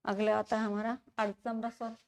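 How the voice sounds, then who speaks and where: A woman's voice: a little high, completely flat delivery, fairly quick, darkish tone. A woman teaching a grammar lesson, repeating key terms and asking rhetorical questions as she explains. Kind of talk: classroom-style lesson.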